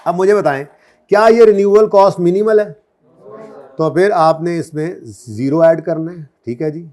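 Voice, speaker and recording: Brief: man, classroom lecturer, slightly raised pitch, breaks into slow measured dictation. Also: a little mellow. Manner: switches to slow, word-by-word English dictation. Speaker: accounting lecturer.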